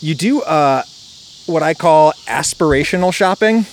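A man's voice: a little high, animated, a little slow. A man hosting a casual podcast from a backyard, talking in a wry, conversational way with cicadas and frogs behind him. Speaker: podcast host. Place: outdoors in a backyard at home. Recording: outdoor recording with clear insect noise. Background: loud chorus of cicadas, some frogs.

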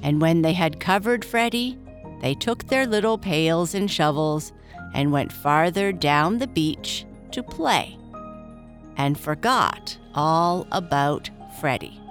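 A woman plays a big, kindly, cheery father from a children's bedtime story. The voice is low for a woman and takes its time, telling the tale gently over faint music. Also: expressive, slow. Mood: warm reminiscing.

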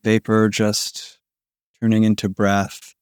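A man narrating a guided sleep meditation in a slow, soothing manner with long pauses, like a sleep story narrator. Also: lowish voice, completely flat delivery, smooth, no room sound, clean studio sound. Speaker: podcast host guiding a sleep meditation.

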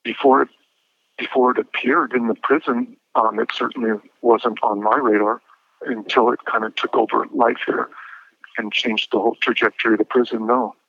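A man in his fifties speaking as an incarcerated interview guest over a prison phone line, measured and a little hesitant, with small restarts. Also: medium pitch, steady tone, gravelly. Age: 50s. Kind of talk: telephone interview. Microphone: prison telephone handset. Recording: muffled phone line, dry.

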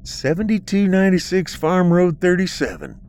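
A man voicing a fussy middle-aged male funeral home manager in an audiobook, speaking high and fretful. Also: sing-song, normal speed, a little mellow, faint music behind.

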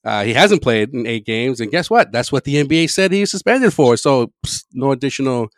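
A man hosting a casual sports talk show in an informal, halting way, often trailing off. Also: mid-range voice, lively intonation, dry recording, clean studio sound. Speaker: sports podcast host.

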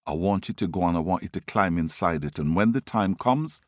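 A man voicing a clever male trickster rabbit who gives brisk orders and rushes in a panic when scheming, in a storybook tale. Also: sits low, expressive, slight background noise. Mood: commanding. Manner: brisk, commanding, turns frantic when scheming.

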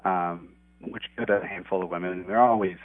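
A lower-voiced man comes through a thin, clipped phone line with a dry sound. He talks earnestly and rambles, stopping and restarting his thoughts as a guest on a call-in interview. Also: fairly even intonation, brisk, dry recording. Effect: clipped phone line that cuts out. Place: outside his office.

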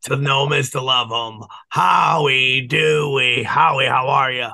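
A man fronts a casual podcast with a voice worn hoarse by illness. His tone is gravelly yet sharp and bright. It sounds close and dry. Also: medium pitch, no room sound. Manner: gravelly, quick wisecracks. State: hoarse, sick. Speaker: podcast host.

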